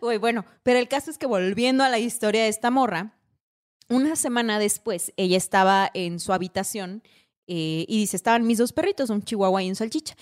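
A woman with a Mexican accent, a podcast host telling a story in a casual, slangy, lively way and acting out the voices. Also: mid-range voice, brisk.

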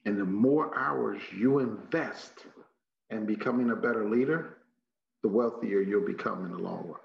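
Male motivational trainer, Texas accent, heavy vocal fry, emphatic and folksy delivery, muffled recording. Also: on the low side, moderate pace. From Texas, United States. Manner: emphatic, folksy, repeats phrases for effect, rhetorical questions. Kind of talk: motivational leadership training talk. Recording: muffled, echoey room recording.

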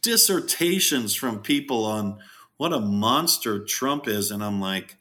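A middle-aged man, a farm owner, chatting as a podcast guest in a jokey, animated way and acting out quotes. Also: measured pace. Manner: jokey, animated, acts out quotes with big pitch jumps. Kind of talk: casual interview chat.

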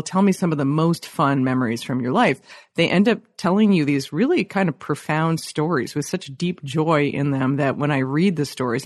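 A man speaking as an interview guest, a science journalist and author, telling stories in a lively, animated way and using "like" often. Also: on the high side. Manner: animated storyteller, many "like" fillers. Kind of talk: casual interview conversation.

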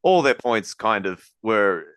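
A man hosting a casual sports podcast, breaking down games in a rapid, rambling analytical way with many restarts. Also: fairly low pitch, sing-song, fairly bright tone, clean tone, no room sound. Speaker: podcast host.

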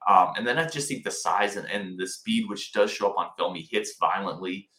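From a spacious wooden cabin with roomy echo, a sports podcast host chats enthusiastically and informally to live viewers. His voice is bright yet sits low, and he speaks fairly quickly.

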